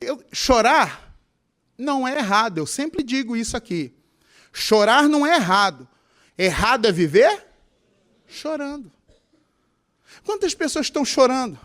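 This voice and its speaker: Mato grosso pastor guy preaching, high pitched, swings all over, keeps quizzing the crowd. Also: big pitch swings, a little slow, long pauses, fairly bright tone. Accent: Mato Grosso Brazilian Portuguese. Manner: dramatizes scripture and congregants in high, tearful put-on voices; asks the congregation questions. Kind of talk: sermon.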